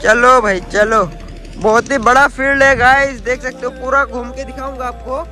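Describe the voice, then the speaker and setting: A man's voice: very high voice, steady tone, normal speed, sharp tone, soft background music. A man hosting a casual vlog outdoors at a stadium site, chatting to viewers and calling them guys. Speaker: vlogger host.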